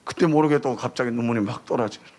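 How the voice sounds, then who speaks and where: A man giving a sermon as a missionary preacher, telling his testimony in an animated, storytelling way and rising to emotional near-shouting at the high points. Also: fast. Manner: animated storytelling, acting out quoted voices. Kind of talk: sermon testimony to a youth service.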